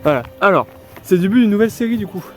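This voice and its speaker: A man's voice: sits high, lively intonation, very fast, slight background noise. A young man vlogging casually as he walks through a forest, rambling in a chatty, upbeat way. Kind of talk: casual walking vlog. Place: outdoors in a forest.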